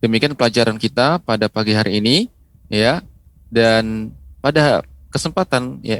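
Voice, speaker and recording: A man's voice: medium pitch, a bit bright, no echo. A man teaching Quran letter pronunciation on a TV lesson, patiently repeating syllables and tagging his phrases with "ya". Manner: patient, repeats syllables slowly with frequent "ya" tags. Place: TV studio.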